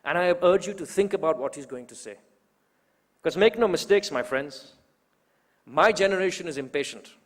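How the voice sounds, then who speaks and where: A youth organizer in his twenties introduces the main speaker with an emphatic, rousing address built on repetition, pausing often. His fairly high voice is expressive at a moderate pace, echoing with long reverb in a large event hall.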